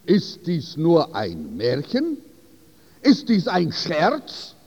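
A man's voice: fairly high pitch, huge pitch swings, very slow, darkish tone, slightly rough, in a large hall, highs cut off, full character voice. A man voicing a tearful young bride at her wedding, asking pleading questions.

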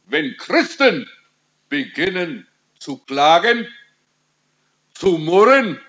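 A man preaching a sermon and leading prayer, slow and emphatic, drawing out his words. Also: sits high, very animated, fairly bright tone. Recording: dull lo-fi recording.

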